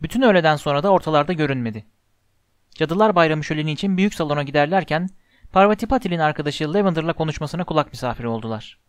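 A man narrating a storybook in an even, measured way. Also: on the high side, clean tone, no echo, studio quality. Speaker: audiobook narrator.

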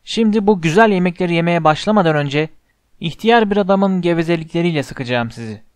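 A man voicing a cheerful elderly headmaster wizard who speaks slowly and grandly to a hall of students. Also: on the high side, lively intonation, clear, resonant tone, natural voice. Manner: cheerful, slow and grand speech.

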